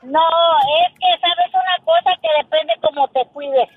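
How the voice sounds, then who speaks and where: A woman's voice: sits high, measured pace, a little hiss or hum. A middle-aged woman calling a radio show, chatting and repeating herself as she goes. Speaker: caller. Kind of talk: casual call-in chat. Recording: tinny phone line.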